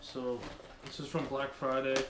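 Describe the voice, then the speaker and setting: In an unhurried, mid-range voice, a young fishing-channel host chats loosely, using many fillers, while unboxing gear. The setting is a small, dim living room, recorded by a camera on the far side, leaving the audio echoey and noisy.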